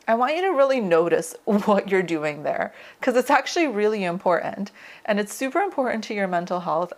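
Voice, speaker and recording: A young woman coaching her viewers in a casual talk to camera, chatty and full of "like" fillers. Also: on the low side. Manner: chatty, heavy use of "like" fillers. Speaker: leadership coach.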